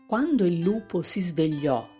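A woman narrating a fairy tale with a low voice and an unhurried pace. Her reading is calm and measured, and faint music plays behind her. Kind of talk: storybook reading.

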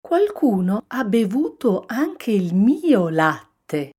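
A woman's voice: mid-range voice, sing-song, extremely slow, warm tone, breathy edge, pitched above the performer's own voice, heavily acted. A woman voicing a motherly mama bear who grumbles indignantly in a storybook reading.

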